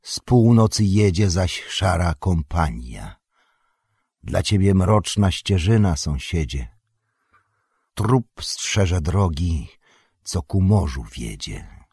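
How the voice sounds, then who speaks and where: A man voicing a solemn grey-bearded old male wizard in an audiobook, measured and commanding. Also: low-pitched, big pitch swings, creaky, a little mellow, husky, no room sound, studio quality, exaggerated voice. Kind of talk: audiobook character voice.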